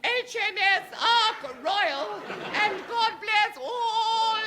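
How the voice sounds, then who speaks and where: Camp, self-dramatising English man, extremely high-pitched, arch delivery; vintage radio comedy before a laughing audience. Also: expressive, crowd noise, full character voice. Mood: mock-impassioned. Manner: arch, camp, drawn-out emphatic repetition. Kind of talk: 1960s radio comedy acting. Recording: old noisy radio recording, audience laughter.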